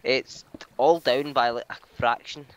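A man giving casual gameplay commentary, excitable, teasing and swearing as he plays. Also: medium pitch, measured pace. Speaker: gamer.

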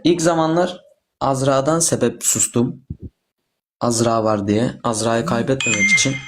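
A young man in his late teens with an average-pitched voice. He talks earnestly and casually on a livestream, addressing his elders politely and with deference. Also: a little hiss or hum. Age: teenager, seventeen. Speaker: livestream guest.

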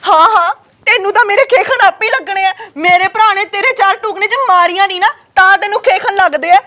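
A woman's voice: very high voice, a little fast, bright, forceful tone. A woman playing a sobbing, quarrelsome married sister. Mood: angry. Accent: Punjabi. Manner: wailing, quarrelsome. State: crying. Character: tearful married sister fighting her sister-in-law. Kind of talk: Punjabi web-series acting.

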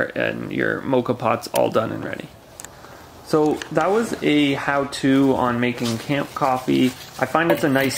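A man's voice: medium pitch, vocal fry, slight background noise. A man casually explaining how to make camp coffee, talking step by step at a picnic table in a forest. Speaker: camping gear reviewer.

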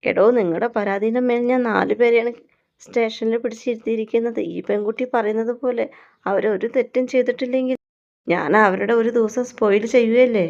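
A woman reading the lines of a male police officer who explains firmly and calmly. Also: a little high, fairly quick, lo-fi sound, close to an everyday voice. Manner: firm and explaining.

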